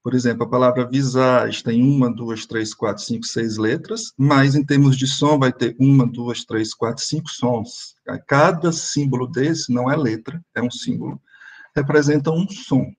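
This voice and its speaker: A man's voice: mid-range voice, fairly even intonation, normal speed. A man teaching French online over a video call, explaining step by step and having his students repeat after him.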